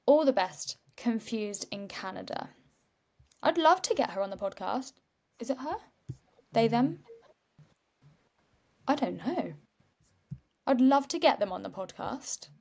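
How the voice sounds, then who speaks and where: A woman's voice: a little high, expressive, unhurried, gravelly, long pauses, darkish tone. A woman hosting a podcast, chatty and rambling, tired, laughing often. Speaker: podcast host. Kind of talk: casual chat.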